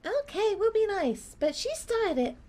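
A woman putting on a bubbly bossy young woman, high bright voice, loud and teasing, big bouncy pitch. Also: sing-song, unhurried, full character voice. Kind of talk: comedic gaming role-play.

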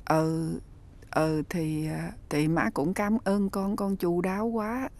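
Meek hesitant older mother-in-law; low, slow, halting. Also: level tone, a little mellow.

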